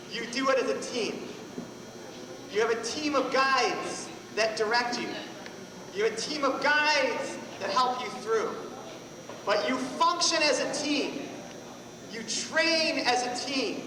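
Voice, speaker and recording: Male candidate, high voice, emphatic repetitive rally speech; distant, reverberant hall. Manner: emphatic, repetitive, building phrases. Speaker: political candidate speaking at a rally. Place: large echoey hall with a crowd. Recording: echoey hall from far off, crowd noise.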